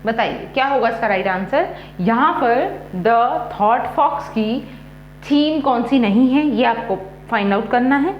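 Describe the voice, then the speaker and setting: Woman teacher, high and slow, running a quiz lesson. Echoey room, faint hum. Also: highs cut off. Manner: poses questions, repeats options slowly, then gives the answer. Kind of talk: exam prep quiz lesson.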